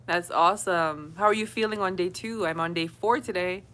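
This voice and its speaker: A woman's voice: on the low side, moderate pace, fairly bright tone. Chatty woman hosting a live chat. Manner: chatty, laughs often, reads and answers comments. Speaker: livestream host. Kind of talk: casual live chat with viewers.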